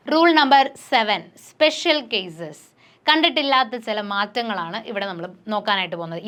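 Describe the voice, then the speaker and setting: A woman's voice: fairly high pitch, a bit bright. A woman teaching an English grammar lesson for exam candidates, drilling students with repeated questions.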